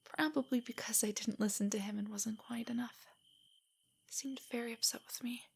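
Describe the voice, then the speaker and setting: A woman's fairly high, breathy voice, often close to a whisper, portrays an affectionate but nervous and self-doubting nerdy young girlfriend in an intimate audio drama. She hesitates and stammers at a moderate pace with fairly even intonation. The mood is insecure and subdued.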